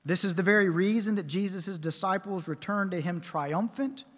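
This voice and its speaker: A man preaching a sermon at a pulpit microphone, measured and emphatic, building his points with repeated phrases. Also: sits high, fairly bright tone. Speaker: pastor. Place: church sanctuary. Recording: long church reverb.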